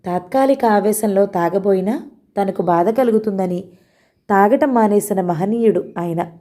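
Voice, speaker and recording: A woman reads a novel aloud, calm and even. Her voice is dark and mellow. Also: mid-range voice, unhurried. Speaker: audiobook narrator. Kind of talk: scripted novel narration.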